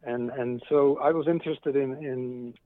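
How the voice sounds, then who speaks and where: Heard over a phone-quality line with no echo, this middle-aged Slovak-accented man keeps a steady tone and moderate pace in his mid-range voice. Originally from eastern Slovakia, he founded a cycling company and, as an interview guest, gives casual, reflective answers, rambling eagerly and often interrupting himself.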